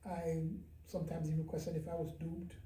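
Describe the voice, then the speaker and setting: Man, pastor, candid halting interview talk, very dark mellow tone, roomy distant sound. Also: fairly high pitch, flat delivery. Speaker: pastor and gospel singer.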